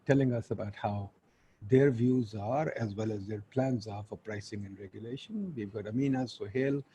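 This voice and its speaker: A man's voice: lowish voice, normal speed, mellow, a little hiss or hum. A man with a Pakistani accent hosting an online webinar in an informal, blunt way, with Urdu asides. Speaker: webinar host and moderator. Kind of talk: informal spoken webinar introduction.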